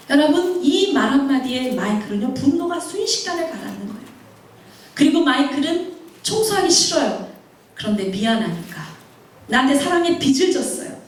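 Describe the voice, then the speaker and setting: A woman missionary preaching a sermon and telling personal stories, animated, acting out the voices of people she quotes. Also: sits high. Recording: very echoey hall, mic far off.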